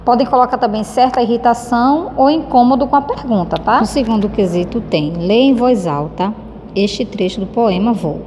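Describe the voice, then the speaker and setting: Brazilian woman teacher, higher warm voice, affectionate, echoing room with faint hiss. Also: moderate pace. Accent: Brazilian Portuguese. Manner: affectionate, keeps checking in with "tá?". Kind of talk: recorded lesson explaining a textbook. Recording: reverberant room with faint background noise.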